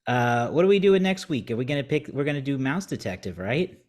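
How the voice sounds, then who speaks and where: A man co-hosting a casual movie podcast, chuckling often and pausing on fillers as he talks. His voice sits at an ordinary middle pitch, and his manner is relaxed and easygoing. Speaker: podcast co-host.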